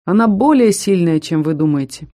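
A composed, commanding king who never raises his voice, as a woman reads him. He sounds certain of every word, with a warm, mellow tone. The delivery is that of an audiobook storyteller. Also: fairly low pitch, normal speed, close to an everyday voice. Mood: firm. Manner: steady, assured speech. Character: commanding male king, calm and firm.

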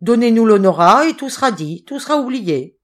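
A woman voicing a rough village bandit who threatens loudly and mockingly. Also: medium pitch, very animated, normal speed, pitched above the performer's own voice, lightly acted. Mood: threatening.

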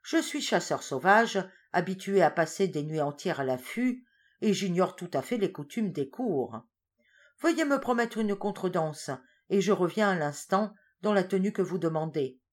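A woman reading a storybook, voicing a vain, hot-tempered male tiger who blusters loudly. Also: fairly low pitch, big pitch swings, moderate pace. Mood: humble.

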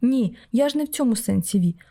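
A woman voicing a young woman who is a sharp, protective older sister, speaking urgently and firmly. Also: on the high side, animated, fast.

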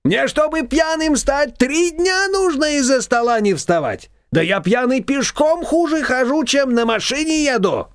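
A man's voice: very high voice, expressive, a little slow, hardly any pauses, dry recording, studio quality, voice pushed up. A man voicing a talkative, boastful old taxi driver who rambles indignantly. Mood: chatty.

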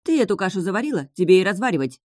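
A woman's voice: lowish voice, fast, mellow, no echo, clean studio sound, lightly acted. Woman reading as a stubborn young mermaid. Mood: urgent. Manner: urgent, insistent. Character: bold young mermaid heroine, pleading and stubborn.

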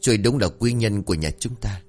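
Man reading a calm village father. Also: lowish voice, a little fast, natural voice. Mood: reassuring. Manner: calm, reassuring. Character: steady middle-aged village father, calm.

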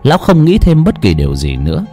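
A man narrating a ghost story in a dramatic, animated storytelling voice. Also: fairly high pitch, fast talker. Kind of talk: scripted horror narration. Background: faint background music.

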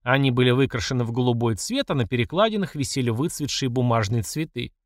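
A man narrating an audiobook with expressive storytelling. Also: mid-range voice, fast, dry recording, clean studio sound. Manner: expressive storyteller, voices each character. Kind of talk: scripted narration.

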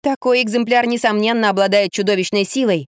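A woman's voice: mid-range voice, a little fast, smooth, no room sound, clean studio sound. Woman reading a first-person story. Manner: expressive, lively storytelling. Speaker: narrator.

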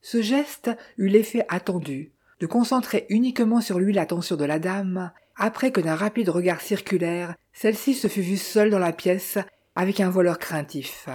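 A woman reading a novel aloud as narrator, in a measured, clear way. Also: medium pitch, a little mellow. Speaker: audiobook narrator. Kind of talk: scripted narration.

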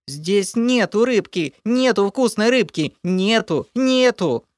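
A man voicing a small, panicky male swamp creature in an audiobook, with a shrill squealing voice that wails and repeats itself. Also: animated, slow, no room sound, studio quality. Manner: wailing, repeats himself in panic.

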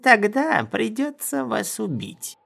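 Squeaky blustering mage, whiny, offended, odd-sounding, storybook fool. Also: male voice, wildly swooping pitch, slow pace, vocal fry, fairly bright tone, heavily acted. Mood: smug. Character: boastful foolish male mage, high and strange.

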